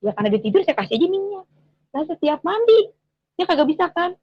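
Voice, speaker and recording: A middle-aged woman giving an emotional personal testimony in animated, slangy talk. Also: very high voice, quick pace, dry recording. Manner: animated, colloquial Jakarta slang. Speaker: testimony speaker. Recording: dry, muffled close recording.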